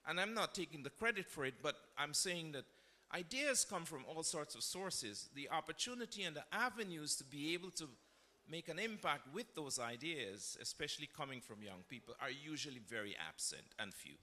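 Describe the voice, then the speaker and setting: A man's voice: on the high side, expressive, moderate pace, bright, forceful tone. A man in his fifties from Guyana with a Guyanese accent, speaking as a former diplomat on a panel, telling a story in a reflective way with self-corrections. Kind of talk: panel discussion.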